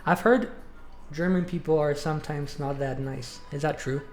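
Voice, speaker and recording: A man's voice: a little high, steady tone, moderate pace, a little mellow. A man chatting casually on a live stream, rambling with many fillers. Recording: roomy with faint music.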